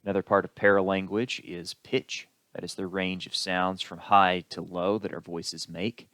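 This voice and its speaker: Low-voiced man giving a recorded lecture. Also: flat delivery, a bit bright, no room sound. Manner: explanatory, unhurried, with occasional fillers. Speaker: instructor.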